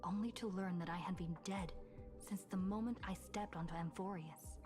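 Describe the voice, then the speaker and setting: A woman voicing a calm young woman who narrates a story recap in a video game, in a measured, steady way. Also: lowish voice, lightly acted. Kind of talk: scripted narration. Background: game music.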